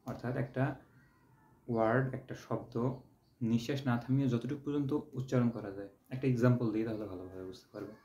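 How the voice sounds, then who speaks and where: A young man from Bangladesh gives an online exam-prep lecture, patiently repeating himself and stretching out syllables to demonstrate them. His mid-range voice is mellow, with fairly even intonation and a quick pace. The home recording sounds dull and roomy, with a faint hiss.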